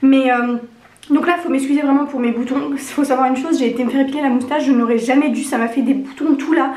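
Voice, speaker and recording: A woman's voice: high voice, steady tone, quick pace, a little mellow. A young woman chatting casually through a makeup review, rambling and informal, her voice slightly honking and duck-like from a cold. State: getting over a cold. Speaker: beauty vlogger. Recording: echoey untreated room.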